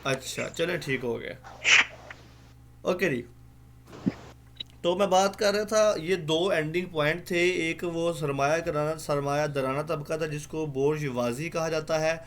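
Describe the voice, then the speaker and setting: A man teaching an exam-prep lecture in an online class, explaining slowly with many fillers and spelling out words letter by letter. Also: fairly high pitch, noisy background.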